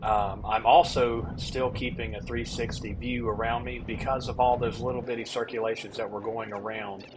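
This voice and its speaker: A man's voice: medium pitch, level tone, moderate pace, hardly any pauses, noisy background. A man giving a casual, explanatory voice-over as a storm chaser narrating his own footage.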